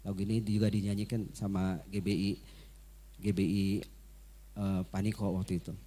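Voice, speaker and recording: A man's voice: fairly low pitch, warm tone. A man giving an earnest, repetitive sermon testimony at a church service, often speaking directly to the congregation.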